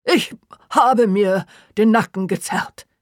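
A woman's voice: mid-range voice, slow, no room sound, clean studio sound, lightly acted. A woman voicing a shaken, self-pitying middle-aged man in an audiobook, with dramatic complaints. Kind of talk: audiobook character voice.

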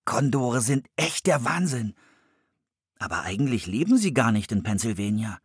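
A man's voice: medium pitch, big pitch swings, normal speed, slightly rough, no room sound, clean studio sound. A man voicing a curious, bookish young boy in a storybook, explaining things earnestly. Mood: eager.

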